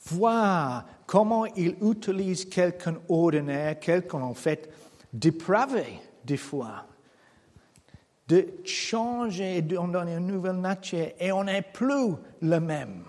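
A man preaching a sermon in French as a non-native speaker with a foreign accent, speaking slowly and haltingly with rhetorical questions. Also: sits high, animated, a little mellow, long reverb tail. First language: not French. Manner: slow, halting delivery with restarts and rhetorical questions. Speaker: pastor. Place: church hall.

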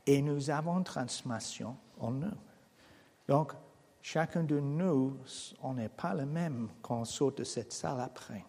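A man preaching a sermon in French as a non-native speaker with a foreign accent, speaking slowly and haltingly with rhetorical questions. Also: medium pitch, mellow, slightly rough, big-room sound. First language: not French. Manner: slow, halting delivery with restarts and rhetorical questions. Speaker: pastor. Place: church hall.

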